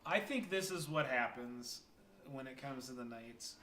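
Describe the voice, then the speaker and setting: A man running a tabletop game as game master, narrating slowly with many fillers and hesitations. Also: mid-range voice, expressive, bright, forceful tone. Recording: echoey room, faint noise.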